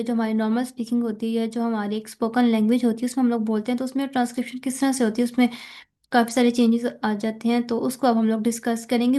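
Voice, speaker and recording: Pakistani-accented female lecturer, slightly high voice, patient step-by-step explanations with English terms mixed in. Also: mellow. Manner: explains step by step, mixing English terms, often checks "theek hai". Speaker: teacher. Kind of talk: recorded lecture explaining slides.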